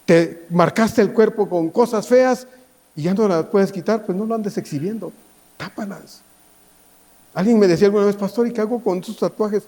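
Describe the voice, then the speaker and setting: A man preaching a sermon as pastor, pleading and dropping to a hushed voice at times. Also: high-pitched, fairly quick.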